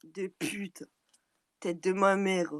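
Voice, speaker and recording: A woman on a furious, taunting rant, repeating her challenges and swinging between yelling and low, menacing mutters. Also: level tone, very slow, background noise. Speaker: social media personality. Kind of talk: angry direct-to-camera rant.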